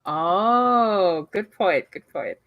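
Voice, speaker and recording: A woman's voice: medium pitch, animated, very slow, no room sound, lo-fi sound. A woman running a tabletop role-playing game, chatty, with lots of fillers and laughter. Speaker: game master.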